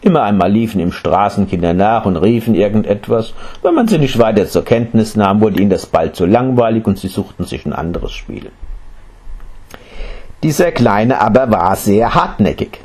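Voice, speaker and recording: A man reads a story aloud with expressive, dramatic delivery. His voice is low and husky, and his pitch swings widely as he builds each scene. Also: normal speed. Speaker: narrator. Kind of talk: scripted storytelling reading.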